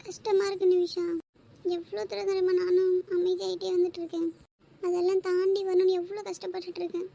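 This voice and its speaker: A woman's voice: very high-pitched, level tone, fast talker, gravelly, mellow, lo-fi sound. A woman playing a heartbroken young woman who speaks wearily and tearfully in a scripted drama. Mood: sorrowful. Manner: weary, tearful, falters.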